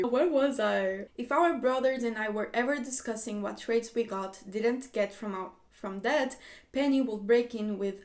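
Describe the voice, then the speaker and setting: A woman hosting a casual reaction video, reading posts aloud and chatting with lots of "like" and frequent laughs. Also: medium pitch. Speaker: YouTube host reacting to posts.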